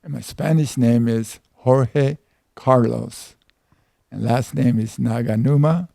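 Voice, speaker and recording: A man in his eighties from Peru, slowly recalling his family's past in an oral history interview, often repeating himself. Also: medium pitch, vocal fry, dark tone, no room sound. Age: 80s. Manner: slow, deliberate recollection with repeated words.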